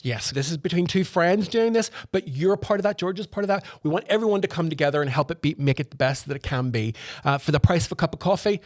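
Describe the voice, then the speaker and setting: A man co-hosting a comedy podcast in a studio, with brisk, enthusiastic delivery. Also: fairly high pitch, animated. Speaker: podcast co-host. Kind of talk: casual comedy podcast chat.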